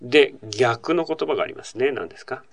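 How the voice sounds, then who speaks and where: Man teaching Korean in lively tones. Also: medium pitch, fairly quick. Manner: patient, explanatory, switches between Japanese and Korean. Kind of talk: language lesson podcast.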